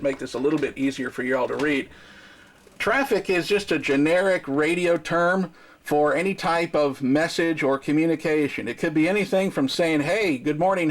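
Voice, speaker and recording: An American man instructing step by step in marine radio use, methodical and explanatory. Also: a little high. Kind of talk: step-by-step demonstration with radio procedure. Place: aboard a docked sailing boat.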